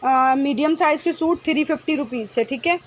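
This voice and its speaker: Brisk high-voiced woman running a live sale. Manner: brisk, repetitive, checks with "okay?" often. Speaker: online seller hosting a live sale. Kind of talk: live-stream sales chat. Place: home room with generator noise.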